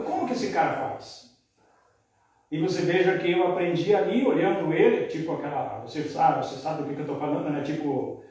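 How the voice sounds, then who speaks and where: A man's voice: a little high, dark tone. A middle-aged man, a radio announcer and singer, telling rambling, folksy anecdotes in casual podcast conversation. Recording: echoey room, mic at a distance.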